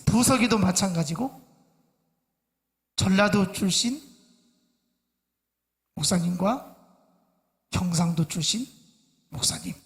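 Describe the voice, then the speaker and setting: A male pastor preaching a sermon to his congregation, in a slow, measured way with many pauses. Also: sits high. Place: church sanctuary. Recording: church hall reverb.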